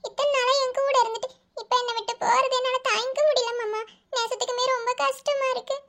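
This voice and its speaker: A woman's voice: very high voice, steady tone, fast talker, heavy background noise. A woman voicing a tearful, shy young village girl in love, pleading and sulking in Madurai Tamil for a cartoon. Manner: pleading, sulky.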